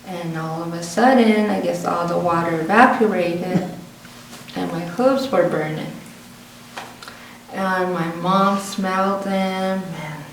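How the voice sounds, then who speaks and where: Brief: Pueblo woman storyteller, gravelly low voice, recorded from a distance in a roomy space. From Pueblo community, New Mexico. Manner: lively storyteller who acts out family dialogue. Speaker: oral history interviewee. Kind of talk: storytelling in an interview. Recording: roomy, distant, faint background noise.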